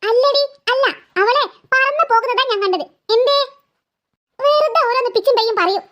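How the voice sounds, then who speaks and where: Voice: extremely high pitch, normal speed, bright, forceful tone, lo-fi sound. A performer voicing an impatient mother who scolds and threatens her daughter. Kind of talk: cartoon voice acting.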